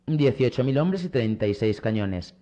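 A man voicing a sullen, cunning mercenary prisoner who answers slowly and guardedly. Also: mid-range voice, animated, dark tone, muffled recording, lightly acted.

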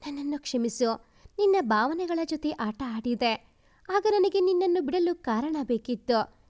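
A woman voicing a remorseful young woman who is gravely ill, read as a storybook letter in a soft, pleading tone. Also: sits high, lively intonation, a little slow. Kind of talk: storybook narration.

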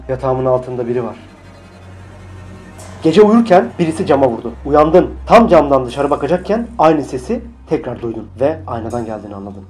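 A man reading short horror stories in a hushed, ominous scripted narration, recorded on a phone microphone. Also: medium pitch.

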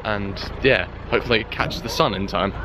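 A man's voice: on the low side, normal speed, background noise. A young man from England, talking casually to a handheld camera outdoors as he vlogs his travels, rambling with fillers. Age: young adult. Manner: chatty and rambling, with fillers and laughs. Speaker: vlogger. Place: outdoors in old town streets and by the sea. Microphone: handheld compact camera at arm's length.

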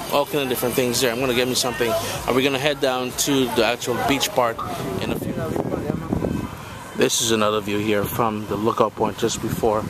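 A man's voice: mid-range voice, heavy background noise. A man in his forties with a Trinidadian accent, casually narrating a travel vlog outdoors as an upbeat, chatty host. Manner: upbeat, chatty tour-guide talk to viewers. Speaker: food vlogger host. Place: outdoors at a windy beach and lookout. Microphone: handheld camera mic. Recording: outdoor camera audio with loud music behind.

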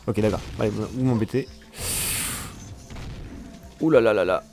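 A man's voice: on the low side, measured pace, music in the background. A man doing casual, joking commentary over his own gameplay, exclaiming at the action and talking to his viewers. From France. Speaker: let's play commentator.

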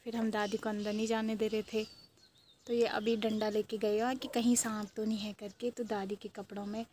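A woman's voice: mid-range voice, flat delivery, a little fast, a little mellow, slight background noise. A young woman from Uttarakhand narrating a casual home vlog, chatty and talking to viewers, sometimes whispering. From Uttarakhand, India. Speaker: vlogger.

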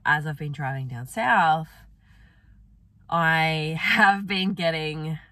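A woman vlogger talking softly and gently in a reflective personal diary, her voice affected by a sore, swollen throat. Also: low-pitched, takes it slowly, no room sound, distant mic. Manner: soft, gentle, meandering, with many fillers.

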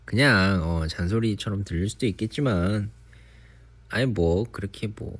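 Low husky young man, sleepy livestream chat. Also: measured pace. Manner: relaxed, chatty, teasing himself for nagging like an elder. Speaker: idol livestream host. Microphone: phone or device mic, voice-only live.

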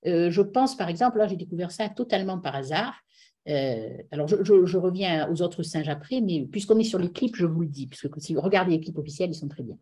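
A woman's voice: fairly low pitch, lively intonation, fairly quick, dark tone, husky. A middle-aged woman giving an online lecture on song lyrics over a video call, digressive and full of hesitations. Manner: digressive, many hesitations and fillers.

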